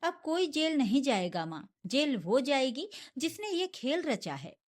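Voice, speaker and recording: A woman's voice: high voice, very animated, measured pace. A woman voicing an angry, grieving young man who roars furiously and speaks through tears for his mother. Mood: tender. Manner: furious, roaring, tearful.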